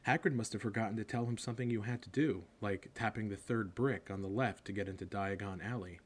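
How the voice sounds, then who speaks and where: Expressive male storybook narrator. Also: fairly low pitch, breathy edge. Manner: expressive, animated reading. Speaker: audiobook narrator. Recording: steady background hum.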